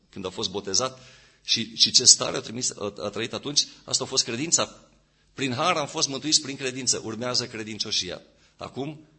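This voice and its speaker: Male preacher, bright husky voice, swings from quiet to forceful. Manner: builds to loud emphatic peaks, then drops low. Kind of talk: sermon.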